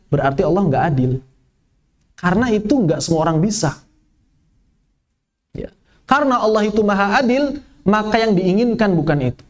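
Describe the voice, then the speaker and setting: A man teaching a lively spoken lesson, asking and answering his own questions. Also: high-pitched. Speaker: Quran recitation teacher. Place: event hall, live workshop.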